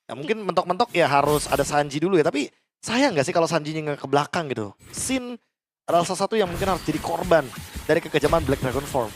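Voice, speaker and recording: Male esports analyst, quick and fairly high voice, informal explanatory commentary over faint music. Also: lively intonation, a little hiss or hum. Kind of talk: casual analytical match commentary.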